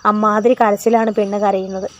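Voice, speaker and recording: A woman's voice: mid-range voice, little pitch movement, fairly quick, dull audio, close to an everyday voice. A woman voicing a nervous, timid young man who pleads and stammers in a told story. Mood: flustered.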